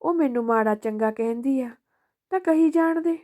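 A woman doing a gentle forgiving old mother. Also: sits high, moderate pace, lightly acted. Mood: pleading. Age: older.

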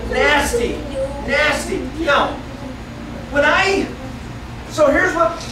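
A man's voice: very high-pitched, very slow, crowd noise. A middle-aged man from the northeastern United States teaching a Bible lesson to children, telling the story and asking them questions as he moves about a church classroom. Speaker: children's Sunday school teacher. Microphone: far camera. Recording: echoey room from far off with noisy background.

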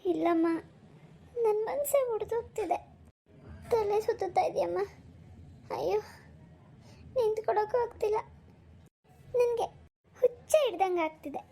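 A woman's voice: extremely high pitch, moderate pace, creaky, pauses often, warm tone, a little hiss or hum. A woman voicing a grief-stricken young mother in a cartoon, sobbing and pleading. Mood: distraught. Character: young mother, grief-stricken over her missing baby. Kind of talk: cartoon voice acting.

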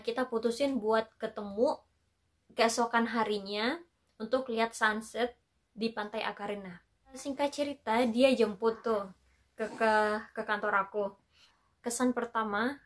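A young woman from tells a casual storytime vlog. Her voice sits a little high, and she talks in a chatty, playful way with frequent laughs. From Makassar, Indonesia. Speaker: vlogger.

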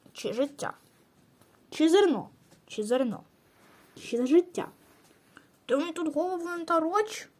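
A woman doing a bossy mock-threatening robber. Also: sits high. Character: bossy male highway robber.

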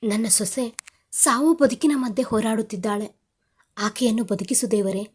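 Middle-aged mother-in-law read by a woman, pleading, tearful, breathy, storybook. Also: on the high side, normal speed, darkish tone.

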